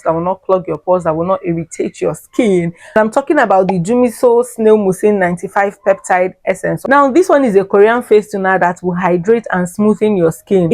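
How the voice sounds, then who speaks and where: A woman talks through skincare products in a friendly, chatty vlog manner. She calls her viewers her loves and keeps checking in with little "okay"s and "right?"s. Her voice sits at an ordinary middle pitch and is recorded close and dry, with no room echo. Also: darkish tone. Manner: chatty, tags lines with "okay", "right?" and "yeah"; addresses viewers fondly as "my loves". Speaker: beauty vlogger.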